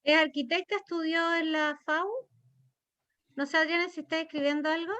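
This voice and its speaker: Una mujer chilena modera una clase universitaria por videollamada, con un tono conversador e informal. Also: female voice, extremely high pitch, fairly even intonation, moderate pace, bright, forceful tone, no echo. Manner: chatty, informal. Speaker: course organizer, moderator. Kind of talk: online class moderation. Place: video call. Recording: dull, dry video-call audio.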